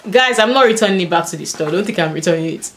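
With a lowish voice and rapid-fire delivery, a young Nigerian-accented woman vlogs casually from a small bedroom, a faint hiss or hum underneath. She's animated, leaning on "like" and "and stuff" a lot.

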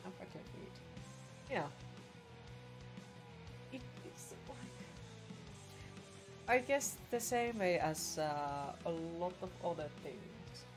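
A woman's voice: lowish voice, animated, takes it slowly, pauses often. A young Finnish woman with a Finnish accent, chatting casually and sarcastically while streaming a game, swearing often. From Finland. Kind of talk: casual gaming stream chat. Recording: game music playing behind.

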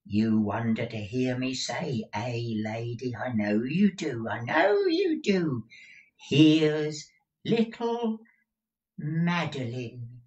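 A man's voice: very animated, a little mellow, dull audio. A man voicing an old miserly man who titters and wheedles, drawing his words out. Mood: tittering. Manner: drawn-out, high, tittering.

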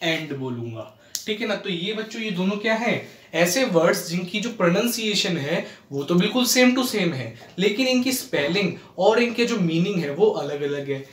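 Guy teacher explaining grammar to kids, kinda high voice, keeps checking they follow, echoey room. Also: animated. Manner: addresses children, frequent "ठीक है ना" checks, slow spelled-out English examples. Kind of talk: classroom grammar lesson in Hindi-English mix.

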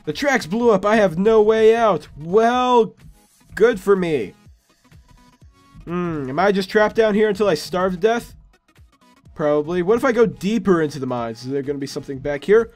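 A man's voice: sits high, animated, normal speed, darkish tone, soft background music. A man giving casual gameplay commentary as a video host, exclaiming and talking to himself with playful sarcasm.

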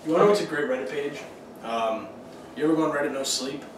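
A man's voice: fairly high pitch, quick pace. A young man co-hosting a podcast, explaining things in a laid-back way in casual chat at a dining table. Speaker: podcast co-host. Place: dining room at night, around a table. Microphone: far camera. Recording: roomy, distant, faint hiss.

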